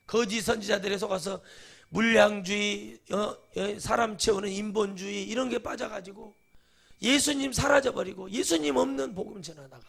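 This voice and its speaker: A middle-aged male pastor preaching a sermon, swinging between quiet musing and loud exhortation. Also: high-pitched, normal speed, vocal fry, husky.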